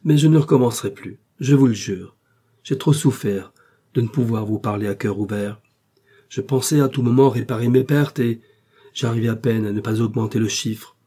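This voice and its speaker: Coaxing contrite young husband, voiced by a man, husky low voice, storybook reading. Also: normal speed, mellow, natural voice. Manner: coaxing, playful.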